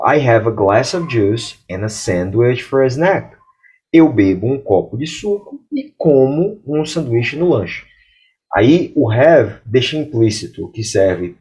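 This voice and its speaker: A Brazilian Portuguese-speaking man teaching English grammar, explaining clearly and reading English example sentences slowly. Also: medium pitch, a little mellow.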